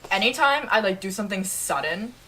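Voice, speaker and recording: A woman's voice: medium pitch, animated, brisk, crowd noise. A young woman hosting a casual chat with her sister, telling a shared childhood story in a teasing, chatty way with lots of "like". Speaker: vlogger, channel host.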